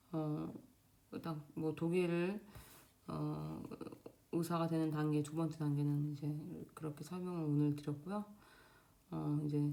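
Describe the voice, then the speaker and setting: A young woman talking casually to camera at home, quick and loose with many fillers and restarts. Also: deep voice, creaky, a little mellow. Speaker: Korean doctor in Germany giving exam advice. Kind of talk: casual unscripted vlog talk. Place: home, indoors. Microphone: camera facing speaker.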